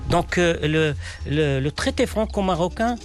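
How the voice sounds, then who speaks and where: Faint music sits behind a slightly high, expressive male voice moving at a measured pace. He is a playwright whose first language is Arabic, and his interview answers are hesitant, full of fillers and restarts.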